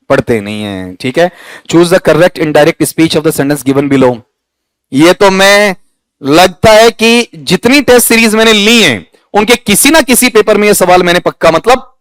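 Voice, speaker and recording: A man with a Rajasthani Hindi accent teaching English grammar to a class, quizzing students and reading sentences aloud slowly. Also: high-pitched, no echo, low-quality recording. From India. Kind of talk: classroom lesson.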